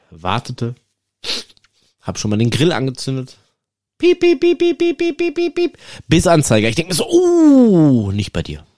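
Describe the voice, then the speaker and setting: A man hosting a fishing podcast, casually retelling a night of angling and acting out the dialogue with his friend. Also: medium pitch. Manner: lively anecdotal retelling, acts out dialogue. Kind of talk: casual storytelling to listeners.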